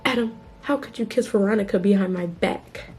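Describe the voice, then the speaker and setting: A woman's voice: mid-range voice, a little fast, darkish tone, slightly rough, lightly acted. A young woman voicing a hurt, defiant teenage heroine in a plain read-aloud of her story. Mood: upset.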